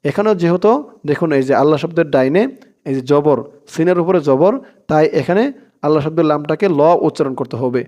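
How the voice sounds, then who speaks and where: High-voiced Bengali Quran teacher. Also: male voice, warm tone. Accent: Bangladeshi Bengali. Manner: slow drawn-out chanting of verses between brisk explanations. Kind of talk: spelling-out recitation lesson.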